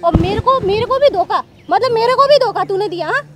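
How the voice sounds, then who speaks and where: A woman's voice: extremely high pitch, expressive, brisk. A tearful woman, angrily confronting her ex-boyfriend in a staged prank and repeating her accusing questions. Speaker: jilted ex-girlfriend in a prank. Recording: loud background music.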